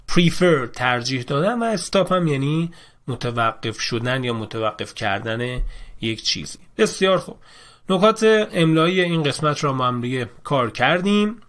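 A man teaching an English grammar lesson, explaining slowly and repeating key points. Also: mid-range voice, fairly bright tone.

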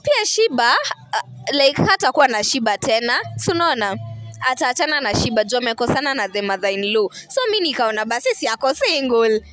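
Faint music plays behind a Kenyan-accented woman in her twenties who speaks briskly into a handheld mic during an outdoor interview. Her fairly high, slightly bright voice swings widely in pitch as she insists and repeats herself defiantly in this emotional exchange.

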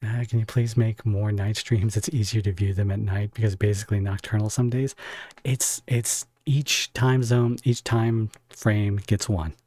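Here a man with a fairly low pitch and darkish tone speaks steadily at a measured pace; the audio has no room sound. He chats loosely with viewers on a home livestream, wandering off topic, breaking into his own sentences and often laughing.

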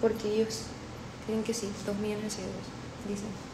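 This livestream host, a Colombian woman in her twenties with a paisa accent, reads comments aloud and chats repetitively, slipping into English, from an indoor room with her phone held close. Her mid-range voice is gravelly and dark, with little pitch movement and normal speed. The recording is rough and roomy, with slight background noise.

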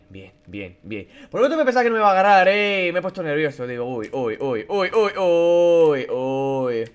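A young man from Spain with a Spain Spanish accent, commentating a horror game as he plays it. He swears and yelps at the scares, then drops to mutters between them. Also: on the high side. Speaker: gaming YouTuber.

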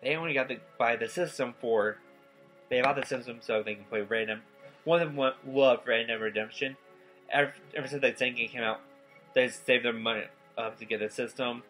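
Tired rambling young man, bright voice. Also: mid-range voice, faint music behind, rough recording. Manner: rambling, halting, many restarts and fillers. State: tired and yawning. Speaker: gaming YouTuber. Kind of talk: rambling casual vlog update. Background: faint game soundtrack.

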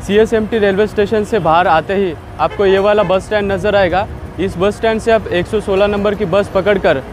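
A man's voice: high voice, steady tone, normal speed, over music. A man giving direct, practical travel instructions in a vlog voice-over. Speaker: travel vlogger. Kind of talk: scripted travel guide voice-over.

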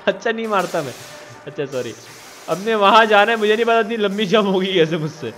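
A man's voice: sits high, a little fast, over music. Guy doing lets-play commentary, voice swings all over, keeps ribbing his character. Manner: teasing, excitable, scolds the game character. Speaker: gamer. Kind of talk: casual let's-play commentary.

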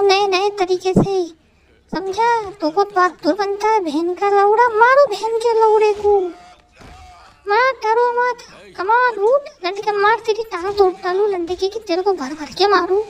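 A man voicing a swaggering, foul-mouthed young gangster don in a comic game dub, taunting and cursing nonstop through a sped-up chipmunk pitch.

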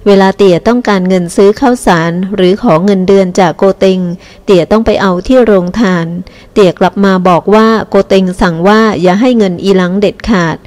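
A woman reading a novel aloud as an audiobook narrator, telling a first-person story in a steady, even way. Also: medium pitch, brisk, hardly any pauses.

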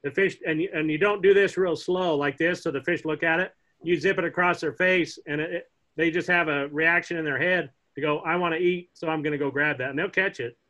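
A middle-aged man teaches a casual online class from his home, talking in a relaxed, chatty way and joking now and then. His voice is bright and a little higher than most men's. The sound is dull and lo-fi, as from a laptop webcam on a video call. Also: fairly quick. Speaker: fly fishing instructor. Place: home room, indoors.

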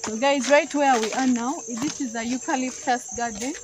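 A young woman vlogs outdoors in a rural field, chatting casually as she explains plants to her viewers. Her high voice has fairly even intonation and a moderate pace, recorded on a phone camera often held at arm's length amid background noise.

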